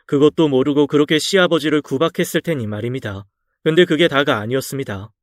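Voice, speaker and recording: Calm male storyteller, dry close voice. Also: on the high side, dry recording. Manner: calm, measured telling. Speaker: story narrator. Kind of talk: scripted story narration.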